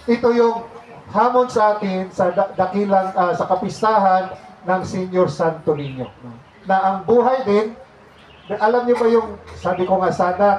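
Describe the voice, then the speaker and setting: A priest with a fairly high voice preaches a homily in an easygoing, back-and-forth way, putting questions to his listeners and mixing in English phrases. The room around him is roomy and echoing, with a faint hiss of noise underneath. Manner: conversational, asks the congregation questions and mixes in English phrases. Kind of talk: homily to a congregation.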